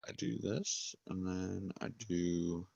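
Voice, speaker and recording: A man's voice: deep voice, steady tone, takes it slowly, gravelly, darkish tone, husky, no room sound, highs cut off. A man chatting over a voice call while playing a board game, boasting in a playfully grandiose, mock-formal way. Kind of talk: casual voice chat while gaming.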